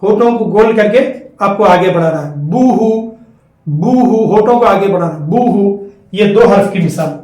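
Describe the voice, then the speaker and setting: A man with a Hyderabadi Urdu accent teaching Quranic letters, spelling each letter and syllable out and repeating it in a slow, deliberate classroom manner. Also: sits high, darkish tone. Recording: roomy, distant mic.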